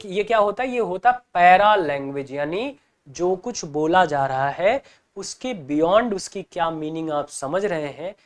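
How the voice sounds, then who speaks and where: A male teacher giving an exam-prep lecture, explaining with rhetorical questions and acting out everyday examples. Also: high-pitched.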